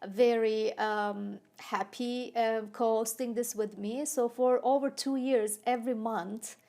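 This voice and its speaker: A middle-aged woman from Turkey with a Turkish accent, telling her story in a relaxed interview, with many fillers and restarts. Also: a little high, unhurried. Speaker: city council candidate. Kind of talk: casual interview chat.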